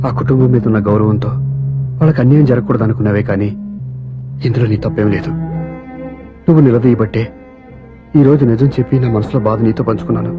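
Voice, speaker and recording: An actor playing a gentle, grieving young widower who pleads softly and earnestly. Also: male voice, medium pitch, dull audio, natural voice.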